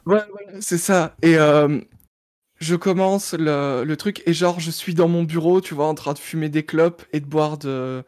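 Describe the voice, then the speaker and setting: A man playing at a tabletop session, walking through what his character does in loose, casual talk. His voice sits a bit high for a man, and he jokes often. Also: fairly even intonation, a little slow, a little mellow. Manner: jokey, laughs between lines. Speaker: player. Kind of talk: casual game chat.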